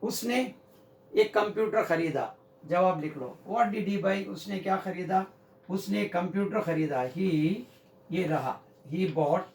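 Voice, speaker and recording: A man teaching English grammar at a whiteboard, slowly repeating example sentences. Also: high-pitched, slight background noise. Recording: echoey room, mic far off.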